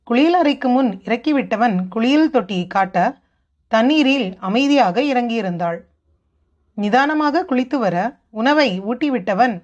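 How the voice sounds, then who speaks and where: A woman narrating a novel in steady, even storytelling as an audiobook reader. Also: fairly high pitch. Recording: dull lo-fi recording.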